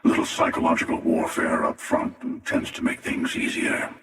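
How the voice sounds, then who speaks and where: A man voicing a smug, menacing, world-weary hunter from a video game, with a breathy rasp and sardonic, deliberate delivery. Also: very deep voice, wildly swooping pitch, fairly bright tone, exaggerated voice. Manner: sardonic, deliberate, drawling taunts. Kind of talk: video game character voice acting. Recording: echoing, long reverb, distant.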